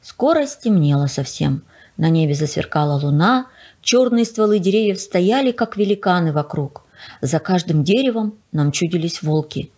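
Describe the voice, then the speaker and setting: Husky woman reading a storybook. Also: on the low side, moderate pace. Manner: expressive storytelling. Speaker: library reader. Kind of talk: children's story read aloud.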